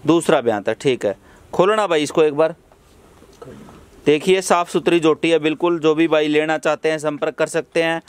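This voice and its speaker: A man hosting a walkthrough of a dairy farm outdoors, briskly repeating each answer back to his viewers. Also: fairly high pitch, clean tone. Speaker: channel host touring a dairy farm. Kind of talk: on-site walkthrough interview. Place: outdoor buffalo farmyard.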